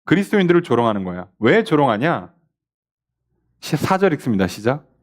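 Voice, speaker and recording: A man's voice: mid-range voice, fairly quick. Pastor guy teaching bible study in church, voice jumps all over, quizzes the class, mimics the mockers. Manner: animated, asks the class questions and mimics scoffers.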